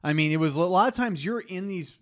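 A man's voice: high-pitched, expressive, fast talker. A man talking casually about sports on a podcast. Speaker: sports podcast guest or co-host.

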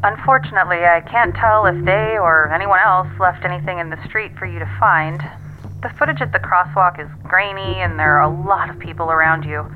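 Heard through a tinny telephone filter with music underneath, a woman in an audio drama plays a sardonic, self-assured investigator relaying her findings. Her fairly low voice moves fairly quickly, matter-of-fact and dryly wry, with a cautioning mood.

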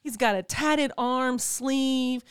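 A woman co-hosting a podcast, telling a story in casual chat, animated, laughing often and acting out the people in it. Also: high-pitched, takes it slowly, smooth, dry recording, studio quality. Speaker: podcast co-host.

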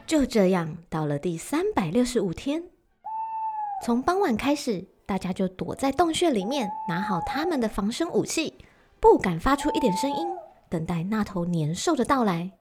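A woman narrating a children's story in an animated, expressive way. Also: on the high side, moderate pace. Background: background music.

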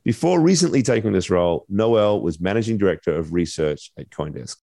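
A man co-hosting a podcast, reading a measured intro and then musing aloud in a thoughtful, filler-laden way. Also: low voice, expressive, creaky, dark tone, no room sound. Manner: measured, thoughtful, many "you know" fillers. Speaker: podcast co-host. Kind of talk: scripted intro then casual discussion.

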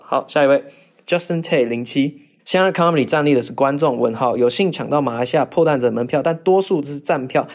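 A man hosting a casual podcast, reading listener questions and answering with animated, mock-exasperated rants and jokey asides. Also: medium pitch. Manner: mimics accents in bursts of English. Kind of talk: casual chat.

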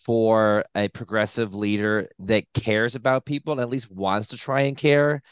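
A man from Canada, a podcast guest, giving measured, thoughtful opinions in casual chat. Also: lowish voice, fairly even intonation, clean tone, dry recording, dull audio.

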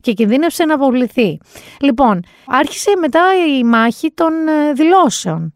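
A woman hosting a podcast, telling stories in a chatty, sarcastic, animated way. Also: high-pitched, no echo, clean studio sound. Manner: chatty, sarcastic, animated storytelling with quoted voices. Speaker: podcast host. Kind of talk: casual chat recap.

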